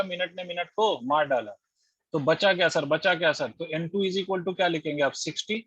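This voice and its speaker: High-voiced man teaching an online class. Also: a bit bright, slightly rough, no room sound. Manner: explains step by step, quizzes students, mixes English terms into Hindi. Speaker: physics teacher. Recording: dull lo-fi dry audio.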